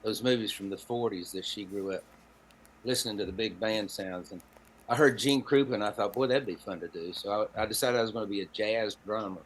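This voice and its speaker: The audio is poor, but you can hear a husky, low-ish man's voice moving fairly quickly. He's in his seventies, a storyteller and songwriter from Appalachian Tennessee guesting on a podcast, telling personal stories in a folksy, wry, conversational style with dry humor and a Southern Appalachian accent.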